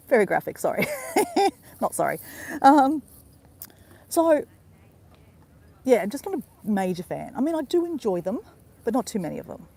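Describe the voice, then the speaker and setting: An Australian travel vlogger walks through a riverside park on a live stream, chatting casually with her viewers and repeatedly calling them "guys." Her voice sits on the high side and is very animated, with a measured pace, frequent pauses, vocal fry, and a mellow, breathy edge.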